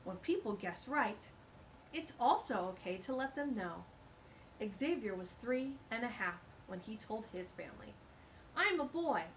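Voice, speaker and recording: In a fairly high voice and at a slightly slow pace, a storytime reader takes young children through a picture book. Her delivery is warm, animated, and sing-song, peppered with chatty remarks on the illustrations, though the recording is rough and has slight background noise.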